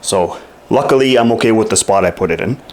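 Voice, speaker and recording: A man with a low voice talks fairly quickly while reviewing a product at home in a room with a hardwood floor. He's blunt, frank and a bit exasperated, and out of breath from punching.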